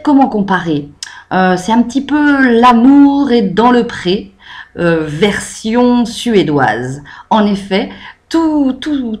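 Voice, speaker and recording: A French woman talks through a novel she liked, reviewing it off the cuff for her weekly video. Her speech is casual and improvised, dotted with hesitations and fillers as she gathers her thoughts. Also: fairly high pitch. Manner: chatty, many "euh" fillers, improvised. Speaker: book reviewer. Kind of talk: improvised book review to camera.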